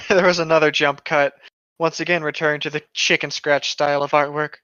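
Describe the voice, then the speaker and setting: A male podcast co-host, his voice on the high side, pushed and bright, reads a story at normal speed in a level tone. He mocks internet horror stories with casual, playful banter, and the slightly dull home microphone picks up no echo.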